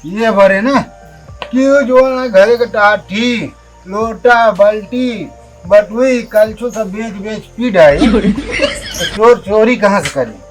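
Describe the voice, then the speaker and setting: A man's voice: sits high, slow pace, faint music behind, rough recording. A man playing a drunk, boastful, quarrelsome rural uncle in a comedy sketch, rambling and arguing with an Awadhi accent. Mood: boastful lecturing. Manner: drunken, rambling, argumentative talk. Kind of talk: village comedy sketch acting.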